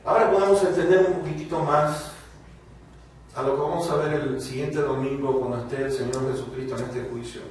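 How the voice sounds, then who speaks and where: A man's voice: on the high side, fairly even intonation, a little fast, a little mellow, recorded from a distance, slight background noise. A man preaching a sermon, speaking emphatically to his congregation, his voice rising and falling. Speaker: pastor. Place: church hall. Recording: very echoey hall, voice from afar.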